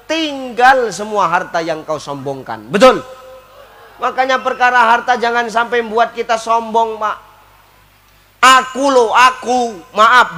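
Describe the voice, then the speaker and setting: A man delivers a joking sermon to a big live gathering, his voice sitting high and bright. He teases the listeners and keeps tossing questions back at them for a reply. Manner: jokey, teasing, keeps asking the crowd to agree. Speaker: preacher. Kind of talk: comic sermon to a live crowd.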